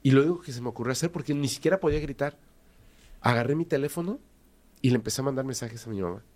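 Mexican man, casual animated storyteller, hesitant, repeats himself for emphasis. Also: medium pitch, rapid-fire. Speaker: guest telling a story.

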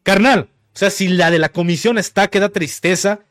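A man's voice: sits high, moderate pace, dry recording, clean studio sound. A man with a Mexican accent hosting a podcast, telling a story in casual, slang-heavy speech and laughing often. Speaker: podcast host.

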